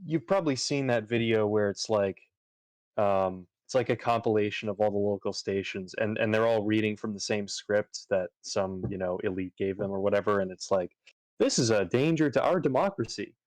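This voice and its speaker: Low-voiced guy rambling on stream, lots of ums and restarts, dry close mic. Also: steady tone, normal speed, no echo. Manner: rambling, many fillers and restarts. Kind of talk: casual chat while gaming on a livestream.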